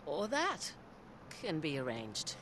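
A woman's voice: low-pitched, huge pitch swings, slow pace, exaggerated voice. An actress playing a sly, flirty female treasure hunter in video game cutscene dialogue. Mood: teasing. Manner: sly, teasing. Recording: game audio with ambient noise.

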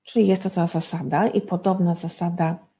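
A woman teaches young children to read, taking her time over every sound. Her voice is low, mellow and a little gravelly. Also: steady tone. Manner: slow, patient, drawn-out syllables for children. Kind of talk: early-school reading lesson.

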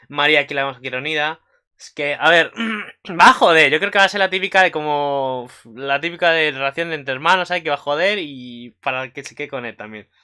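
A man's voice: medium pitch, smooth. Rambling guy recapping anime. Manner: rambling, filler-heavy, excitable. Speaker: anime commentary vlogger. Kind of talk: casual episode recap.

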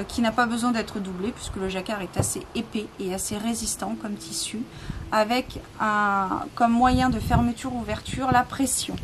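A woman showing items she sells in a casual video, speaking slowly with many fillers and self-corrections. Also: a little high. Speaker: spiritual seller showing items for sale. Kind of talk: casual product show-and-tell. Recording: noisy home recording.

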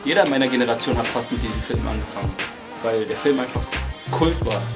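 A 21-year-old man and hip hop dancer, talking casually about his dancing in a relaxed, searching way with many fillers and restarts. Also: medium pitch, fast talker. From Germany. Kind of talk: casual interview talk. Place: indoors beside a wooden wall. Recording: music playing under the voice.

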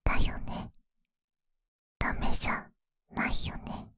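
A woman's voice: slow pace, no echo, studio quality. Woman as a shy whispering animal-eared girl, pillow-talk role-play. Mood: affectionate, sleepy. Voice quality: breathy whisper. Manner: soft, intimate, hesitant pillow talk. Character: shy, once wary young animal-eared girl, now affectionate. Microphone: close, dry microphone.

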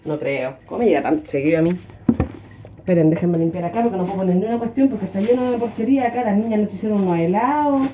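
A woman's voice: medium pitch, fast, mellow, slight background noise. A young adult woman with a Chilean accent chatting casually as she cooks at home, ranting in a joking, exasperated way. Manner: exasperated, joking rants with frequent laughs. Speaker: vlogger. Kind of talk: casual cooking vlog chat. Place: home kitchen. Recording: echoey, dull-sounding room.

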